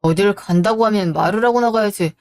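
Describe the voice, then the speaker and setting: A woman's voice: mid-range voice, fairly quick, darkish tone, natural voice. Audio drama: rude, irritable husband, blunt and scornful, read by a woman. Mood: irritated. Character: irritable rude husband, middle-aged man.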